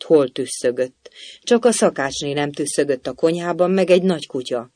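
A man reads a storybook aloud at a measured, steady pace. His voice sits a little high for a man, and the recording is dry and close with no room sound. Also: dry recording. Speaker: audiobook narrator. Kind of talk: storybook narration.

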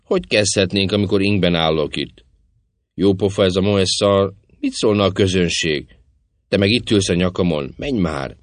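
A man's voice: low voice, dry recording, pitched above the performer's own voice, close to an everyday voice. Man voicing a flirtatious actress, coquettish, teasing, raised voice, dry close audiobook sound. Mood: playful. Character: flirtatious vain stage actress, woman. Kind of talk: audiobook character voice.

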